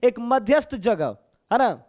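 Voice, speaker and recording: A man's voice: very high voice, expressive, a little slow, a little mellow. A man from Bihar teaching English in a live online class, speaking Hindi with a Bihari accent, chatty and joking as he coaxes his students. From Bihar, India.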